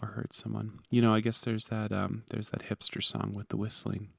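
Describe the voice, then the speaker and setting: Male co-host, deadpan and dry, low and gravelly, close dry mic. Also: moderate pace, no room sound. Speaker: podcast co-host. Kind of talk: casual chat. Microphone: close studio mic.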